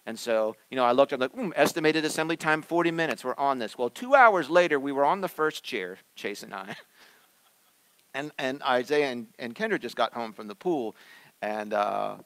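A man's voice: mid-range voice, animated, normal speed, fairly bright tone, no room sound. Man preaching a chatty story sermon. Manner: conversational, jokey, laughs at own stories. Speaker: pastor.

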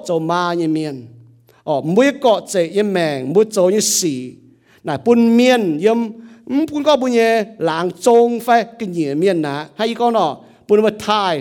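A man preaching a sermon as pastor, with a rising and falling delivery. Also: high voice.

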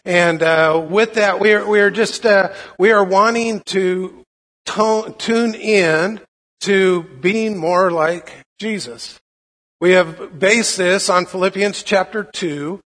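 A man with a fairly high, gravelly voice, hoarse as if under the weather, preaches a sermon. He speaks informally and haltingly, doubling back on his words. The sound carries a long hall reverb. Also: a bit bright. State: hoarse from being unwell. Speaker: pastor preaching to a congregation.

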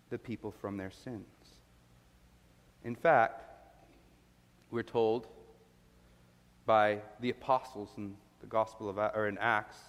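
A male pastor giving a sermon, earnest and explanatory, putting questions to his listeners. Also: medium pitch. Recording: long reverb of a large hall.

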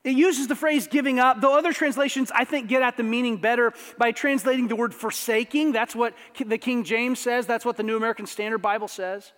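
Speaking a little fast with few pauses, a male pastor preaches a sermon in a strikingly high voice. He keeps it animated and conversational, dropping asides, while the sanctuary's long reverb echoes his words.

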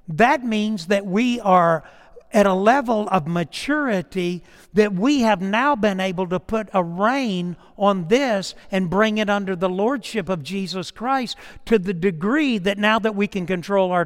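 Preacher, male, higher voice, folksy storytelling sermon, echoing church hall. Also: moderate pace. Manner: conversational storytelling preaching, rising and dropping to a hush.

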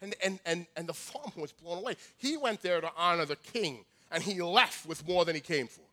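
A man's voice: sits high, animated, fairly quick, pushed and bright. A man preaching a storytelling sermon in an emphatic, conversational way, often repeating words. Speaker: pastor.

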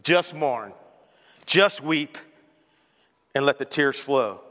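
A male pastor preaching a sermon with earnest conviction, his voice swelling loud on key points and dropping soft on lines about grief. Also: medium pitch, lively intonation, takes it slowly, big-room sound. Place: church sanctuary.

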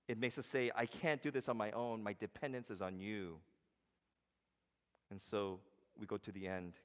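A man preaching a sermon, animated, jumping from loud exclamations to hushed quoted lines. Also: low-pitched, big-room sound. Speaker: pastor.

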